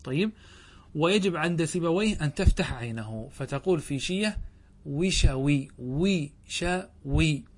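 A man gives a classroom grammar lesson with a slightly high voice. He moves through the material step by step, putting questions to the class and answering them himself. He repeats key words to make them stick. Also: lively intonation, normal speed, slightly rough. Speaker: teacher of Arabic grammar. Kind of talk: classroom lecture.

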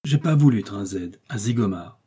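A man's voice: fairly low pitch, animated, fairly quick, warm tone, husky. A man reading an audiobook, voicing a huge, lovesick Parisian tough guy who talks in emotional, pleading exclamations. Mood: confiding.

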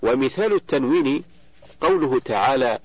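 A man giving a steady, measured audiobook reading of a book on Quran recitation rules, slowing down on quoted verses. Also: medium pitch, dry recording. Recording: dull lo-fi dry recording.

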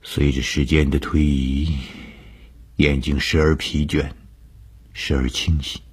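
A man telling a suspense story for radio, slow and measured, often dropping to a hushed whisper. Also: little pitch movement. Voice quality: very deep, husky.

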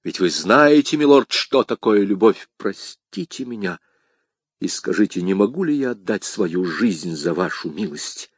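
A man reading the part of a hot-headed young nobleman in an audiobook, speaking softly in apology. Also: on the low side, lively intonation, a little slow, husky, no echo, clean studio sound, voice pushed down, exaggerated voice. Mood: pleading.

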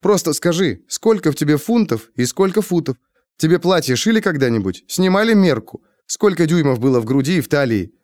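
Narrator guy doing a pushy young woman, higher voice, keeps asking stuff. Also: lively intonation, brisk, a little mellow, dry recording, close to an everyday voice. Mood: coaxing. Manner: insistent questioning.

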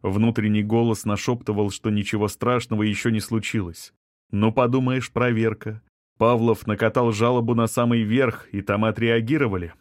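A man giving a steady, measured audiobook narration. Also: mid-range voice, dry recording, clean studio sound. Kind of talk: scripted narration.

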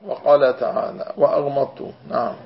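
A man's voice: mid-range voice, level tone, normal speed, a little hiss or hum. A man with a Levantine accent, a sheikh explaining Quran commentary in a chatty, digressive way with everyday anecdotes. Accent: Levantine Arabic. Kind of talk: informal lesson explanation. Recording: dull lo-fi lecture recording.

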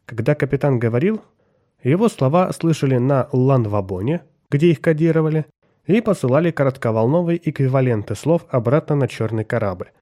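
A man narrating a science fiction audiobook in a measured, even storytelling manner. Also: mid-range voice. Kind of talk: scripted narration.

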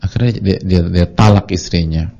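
A man preaching a lively sermon to a congregation, who sometimes acts out the voices of its members. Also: sits low, normal speed. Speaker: Islamic preacher. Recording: dull lo-fi audio recording.

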